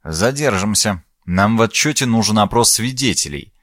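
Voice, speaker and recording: A man reads a shrewd detective in a storybook, courteous and composed. His questions come calmly in a near everyday voice with lively turns of pitch. The recording is close and dry. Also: moderate pace, no room sound. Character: polite, shrewd male detective. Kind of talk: audiobook character voice.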